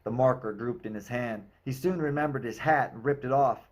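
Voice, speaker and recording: Male author reading aloud, steady measured narration, mid pitch, short clipped sentences. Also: muffled recording. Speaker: author reading his own novel. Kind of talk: audiobook-style narration.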